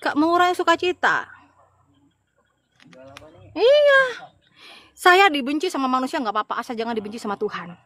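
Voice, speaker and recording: This middle-aged evangelist from Madura, Indonesia, speaks fast in a high, fairly bright voice. Chatting casually with her livestream viewers, she stresses and repeats her points.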